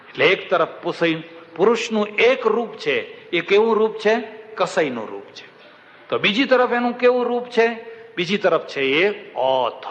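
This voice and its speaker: A man's voice: fairly high pitch, a bit bright. A man giving a devotional sermon with storytelling, emphatic and repeating phrases for effect, in a large hall. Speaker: religious discourse speaker. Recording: reverberant dull hall recording, faint hiss.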